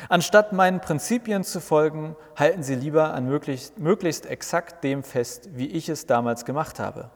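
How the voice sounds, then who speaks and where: A man's voice: on the high side, moderate pace, few pauses, pitched above the performer's own voice. A man voicing a grumpy, indignant old male church reformer who blusters and complains, in a reverberant recording. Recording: long reverb.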